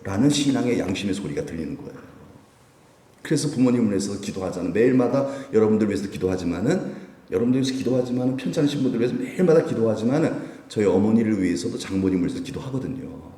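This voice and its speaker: A man in his fifties preaching a sermon at a Wednesday prayer meeting, conversational, with rhetorical questions and sudden jumps in pitch. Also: lively intonation, quick pace, dark tone. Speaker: pastor. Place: church sanctuary. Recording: echoey church hall, mic from a distance.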